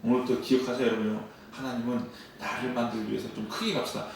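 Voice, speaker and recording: A pastor with a gravelly, mid-range voice preaches a dawn sermon at a quick pace and level tone, acting out quoted dialogue and questioning the congregation. The mic sits far away in the church sanctuary, so the sound is echoey with slight hiss or hum.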